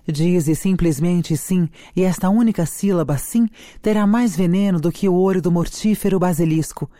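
Reader doing a passionate young noblewoman, slow declamatory delivery, mellow tone, dry sound, read from a play. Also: medium pitch, no echo, close to an everyday voice. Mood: anguished. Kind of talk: dramatic reading of a play.

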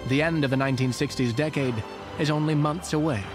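Male documentary narrator over clear music. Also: on the high side, steady tone, quick pace. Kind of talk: scripted historical narration. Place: voice-over recording with music behind.

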